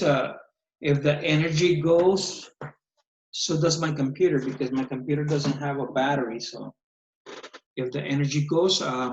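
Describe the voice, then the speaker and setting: A man's voice: mid-range voice, slight background noise. Man teaching over an echoey screen-recorded call. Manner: patient, step-by-step explaining. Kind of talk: online English lesson. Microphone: computer mic on a video call. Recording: echoey, dull video-call audio.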